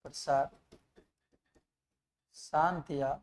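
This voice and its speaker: A man's voice: a little high, fairly even intonation, very slow. A man teaching an exam-prep math lesson, explaining step by step, asking questions and answering them himself, and reciting numbers and tables aloud.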